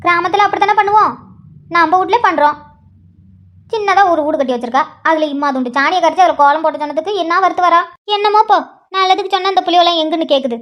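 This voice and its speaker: A woman's voice: very high-pitched, fast, a bit bright. A woman voicing a preachy village mother who scolds her grown daughter. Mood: nagging. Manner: nagging, preachy.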